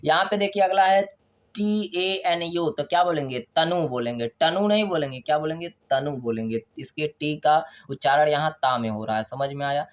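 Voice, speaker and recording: A male teacher giving a video lesson on pronunciation. He asks a question, answers it himself, and spells letters out slowly before saying each word. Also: a little high, highs cut off. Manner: drills by asking questions and answering them himself. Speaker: English teacher.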